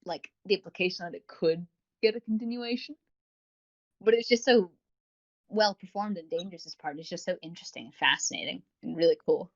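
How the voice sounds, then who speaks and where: This podcast co-host is a woman whose voice sits fairly low and moves at a quick clip, with the high frequencies cut off. She talks casually and enthusiastically while reviewing audio dramas.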